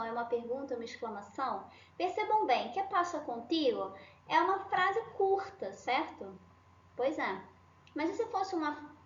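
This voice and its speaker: A woman teacher giving a language lesson, checking in with short tag questions and patiently repeating and rephrasing each point. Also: high-pitched. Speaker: Spanish teacher. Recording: roomy, slightly dull sound.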